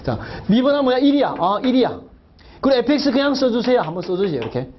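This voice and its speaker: A man's voice: very high-pitched, sing-song, fast, dull audio, a little hiss or hum. A middle-aged man teaching a math lecture, chatty and jokey, quizzing his students with rhetorical questions as he works through problems.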